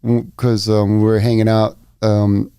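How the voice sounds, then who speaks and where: A man's voice: fairly low pitch, flat delivery, a little slow, dark tone, clear, resonant tone, dry recording, clean studio sound. A man co-hosting a casual sports podcast, joking and riffing on bits with his co-host. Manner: joking banter, riffs on bits.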